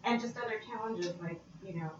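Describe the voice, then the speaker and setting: A woman's voice: medium pitch, fairly quick. Chatty woman, far-off echoey mic. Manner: chatty, seeks agreement with frequent "right?". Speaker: guest. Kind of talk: casual conversation. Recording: distant mic in echoey room, dull and noisy.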